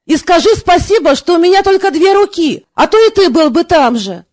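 A woman reading an audiobook, voicing a gruff, scolding young knight in her own high voice. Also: animated, brisk, a little mellow, no echo, clean studio sound.

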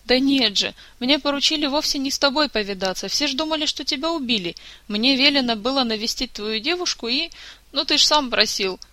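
A meek, emotional young man with a voice pitched up high, pleading and near tears, as a reader puts him on. The sound is bright and dry. It comes from a storybook reading. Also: animated, fairly quick, no room sound, heavily acted. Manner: pleading, tearful, higher pitched. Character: timid emotional young male leader.

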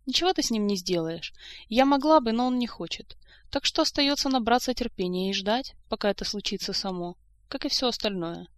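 A woman reading as a calm, wise young woman who gently reproaches her beloved. The sound is dry and close to the mic. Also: on the high side, a little fast, no room sound, voice pushed up, natural voice. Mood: reproachful.

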